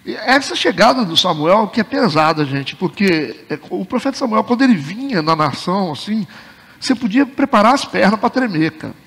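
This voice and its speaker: A man's voice: sits high, fairly bright tone, slightly rough. A male pastor teaching a verse-by-verse Bible study in a colloquial, rhetorical way, acting out the quotes. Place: church. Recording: long church reverb.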